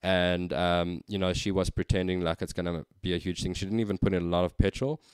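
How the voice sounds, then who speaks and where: Deep-voiced man telling a story. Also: level tone, a little fast, clear, resonant tone, dry recording. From South Africa. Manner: conversational anecdote with frequent ums. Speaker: vlogger. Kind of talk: casual storytelling.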